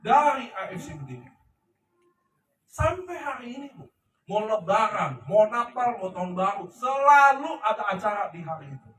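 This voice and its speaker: A man's voice: high-pitched, very animated, moderate pace, a bit bright, distant mic. A middle-aged man giving an emphatic, preachy motivational talk to a seated audience, often checking that they understand. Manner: emphatic, preachy, asks the crowd "ngerti ya?". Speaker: company leader speaking to his team. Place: large room before a seated audience. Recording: echoey room, voice off-mic.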